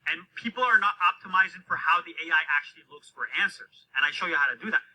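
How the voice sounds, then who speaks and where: Man, guest instructor, slightly high voice, very bright tone, casual explaining, video call. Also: fast, low-quality recording. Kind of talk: casual live webinar explanation. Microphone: video call microphone.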